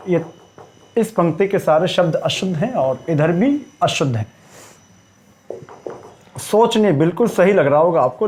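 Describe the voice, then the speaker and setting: A man teaching Hindi spelling to exam students at a whiteboard. He asks his own questions, answers them, and repeats each word slowly so it sticks. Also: on the high side, darkish tone. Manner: calls listeners "sir" and "buddy" in a friendly way.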